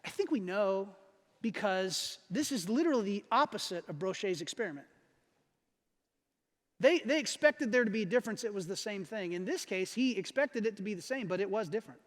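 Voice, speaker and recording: High-voiced male pastor in an echoey hall. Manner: conversational, jokey, acts out voices of characters. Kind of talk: sermon. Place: church sanctuary.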